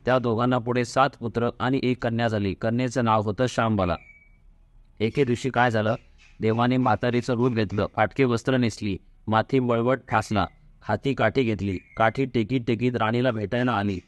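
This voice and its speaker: A man's voice: medium pitch, no echo. Man reading a devotional folk tale. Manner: steady, measured storytelling. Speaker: storyteller.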